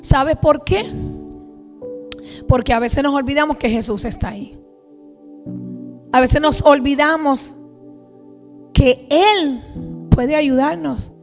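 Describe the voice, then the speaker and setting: A woman's voice: sits high, slow pace, long pauses, faint music behind. A woman pastor preaching a sermon emphatically, stretching out key words and stacking phrases in lists. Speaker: pastor and prophet. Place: church.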